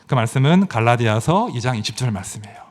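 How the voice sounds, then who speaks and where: A middle-aged man preaching a sermon as pastor, emphatic and animated, swinging from loud exclamations to quiet asides and asking rhetorical questions. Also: medium pitch, fast talker. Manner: asks the congregation rhetorical questions.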